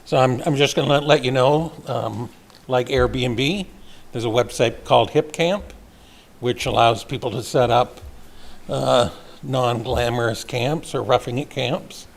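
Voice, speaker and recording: Gravelly man speaking at public comment. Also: medium pitch, measured pace. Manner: plain, matter-of-fact. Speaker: member of the public addressing council. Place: council chamber.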